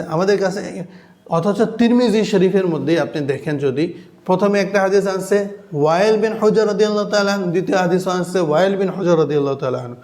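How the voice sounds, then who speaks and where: A man's voice: fairly high pitch, a little mellow. A man giving a religious lecture, explaining patiently, often asking the listeners "right?" and reciting Arabic phrases. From Bangladesh. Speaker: Islamic lecturer.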